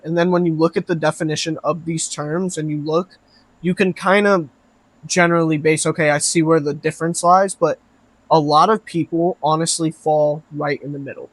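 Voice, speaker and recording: Podcast host guy, kinda high voice, rambly chat, swears a lot, dry close mic. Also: no echo. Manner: rambling, swears freely, says bro a lot.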